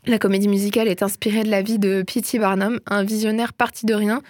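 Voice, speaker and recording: A woman's voice: medium pitch, flat delivery, fast, a little mellow, no echo, studio quality. A young woman recommending films and series in a chatty, enthusiastic way, laughing often. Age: young adult. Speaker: host. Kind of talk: casual film and series recommendations.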